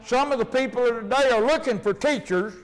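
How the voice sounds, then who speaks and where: Male preacher, Appalachian hillbilly accent, high-pitched voice, homespun Bible-teaching delivery, long hall reverb. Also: a little fast. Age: middle-aged or older. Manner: folksy, plainspoken. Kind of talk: sermon with verse-by-verse Bible teaching.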